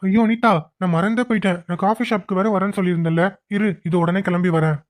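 A woman's voice: medium pitch, steady tone, fast, lightly acted. A woman voicing an impatient young man in a cartoon, speaking in a curt, irritated way. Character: young man, impatient with cousin, doting on girlfriend.

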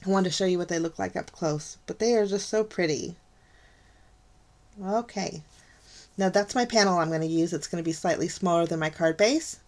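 The card-making channel's host, a middle-aged woman, has a lowish, darkish-toned voice and talks at a normal speed. Filmed from overhead at her craft desk with the camera on her hands, she chats through each step of this casual tutorial voice-over, gushing about how pretty everything looks amid frequent ums and light laughs.

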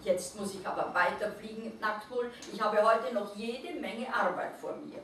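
A woman's voice: mid-range voice, animated, moderate pace, a bit bright, slight background noise. A woman voicing a self-assured, cool Christ child in a storybook reading, speaking breezily and confidently. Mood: breezy. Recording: echoey room from far off.

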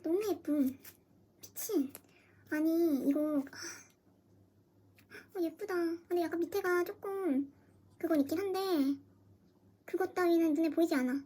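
A young woman vlogging an unboxing at home, gushing excitedly with gasps and squeals. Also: very high voice, measured pace, pauses often. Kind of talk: casual unboxing chat. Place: home room, dim lighting.

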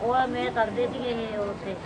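A woman's voice: a little high, level tone, moderate pace. A woman, a neighbor, giving matter-of-fact explanations to an interviewer. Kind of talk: street interview answers.

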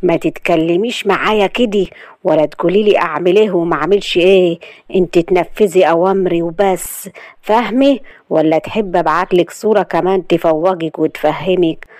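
A woman voicing a menacing young male blackmailer with an Egyptian accent, who talks in a slow, mocking and bossy way. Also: fairly low pitch, darkish tone, dry recording, studio quality, natural voice. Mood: taunting.

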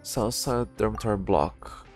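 A man's voice: fairly low pitch, unhurried. A man streaming a game and reading its text aloud plainly, with restarts, faint music behind.

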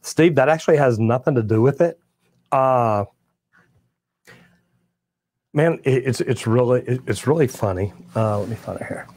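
On a studio set with shelves of tools and merch, an older master plumber from Texas runs a casual livestream, fielding chat questions with folksy, plainspoken, drawling stories. His mid-range voice has a darkish tone, moves at normal speed, and pauses often. A clip-on lapel mic picks him up with slight background noise.

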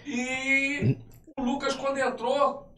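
A man's voice: very high-pitched, flat delivery, slow, crowd noise. A man chatting casually on a podcast, adding his side of the story. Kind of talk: casual chat. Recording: echoey room.

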